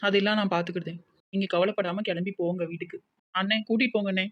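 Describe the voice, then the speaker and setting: A devoted young village woman with a Tirunelveli accent, as a voice actor plays her in a cartoon. She talks quickly in a gentle, comforting voice and keeps insisting. The sound is dull and lo-fi. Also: medium pitch, fairly even intonation, no room sound, lightly acted. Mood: insistent. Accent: Tirunelveli Tamil.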